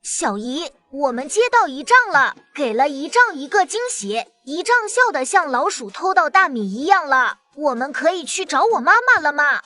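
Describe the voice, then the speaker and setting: A woman's voice: sits high, sing-song, normal speed, hardly any pauses, sharp tone, heavily acted. A woman voicing a chirpy little boy. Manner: chatty, blunt, childlike. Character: small cheeky boy about to start kindergarten. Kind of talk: animated drama dialogue.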